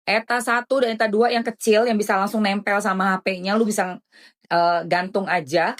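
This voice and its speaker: A woman's voice: mid-range voice, steady tone, moderate pace. A woman, chatting casually and indignantly while selling on a live stream.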